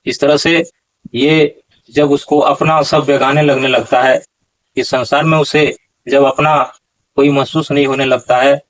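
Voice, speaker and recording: A man teaching how to pronounce a Gita verse. He talks slowly, asks questions and corrects recitations. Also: mid-range voice, rough recording. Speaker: Sanskrit pronunciation teacher.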